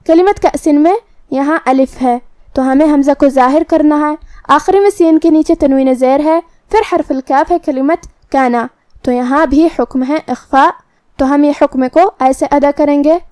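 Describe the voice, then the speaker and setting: A woman teaching Quran recitation rules, explaining each word and then reciting slowly. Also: high voice, darkish tone, no room sound. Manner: slow, drawn-out recitation between plain explanations. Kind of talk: tajweed lesson with slow recitation.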